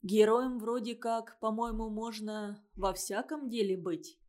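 A woman reading a story and voicing a stubborn, dreamy schoolboy in a thoughtful, quiet way. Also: on the high side, fairly even intonation, measured pace, close to an everyday voice.

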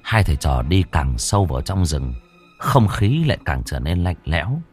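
A man narrating a ghost story in a lively, expressive way. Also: low voice, moderate pace, soft background music. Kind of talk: scripted narration.

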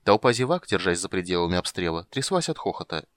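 A man reading a fantasy story aloud in an expressive audiobook narration. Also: low-pitched, fast, dry recording. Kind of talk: scripted narration.

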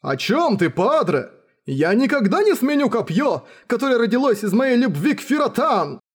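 Gushing deluded young hero, a man putting him on, loud and high, audiobook. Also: big pitch swings, moderate pace, breathy edge, exaggerated voice. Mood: fervent. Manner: gushing, shouting. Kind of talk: audiobook character voice.

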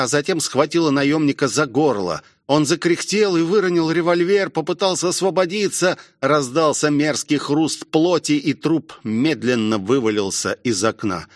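A man narrating an action audiobook in a steady dramatic reading. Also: on the high side, no room sound, clean studio sound.

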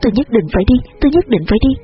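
Một cô gái trẻ hoảng loạn, van xin tha thiết, giọng cao vút và cứ lặp đi lặp lại lời cầu xin, do một người đàn ông đọc truyện thể hiện. Âm thanh hơi đục, có tiếng guitar nhẹ phía sau. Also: male voice, very high-pitched, sing-song, very fast, slightly rough, dull audio, full character voice. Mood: desperate pleading. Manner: desperate, pleading, repeating herself. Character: young woman, distraught, pleading sister.

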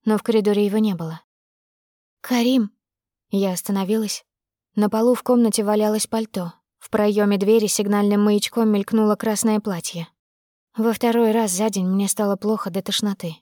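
Brisk woman narrating a novel. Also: mid-range voice, steady tone, mellow, no echo, clean studio sound. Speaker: audiobook narrator. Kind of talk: first-person novel narration.

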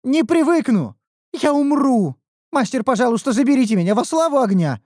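A narrator voicing an excitable young female red elf, a smith's apprentice, who complains loudly and dramatically in an audiobook. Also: moderate pace, no room sound, clean studio sound, close to an everyday voice. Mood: whiny. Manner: whiny and dramatic, loud high outbursts. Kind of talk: audiobook character voice.

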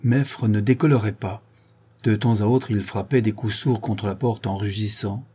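Man reading a novel, deep-ish husky dark voice. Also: fairly even intonation, moderate pace. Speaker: audiobook narrator. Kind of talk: scripted narration.

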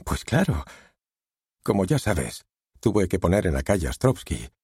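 A man's voice: low-pitched, big pitch swings, normal speed, a little mellow, husky, dry recording, studio quality, heavily acted. A man voicing an evasive, defensive husband in an audiobook, speaking curtly.

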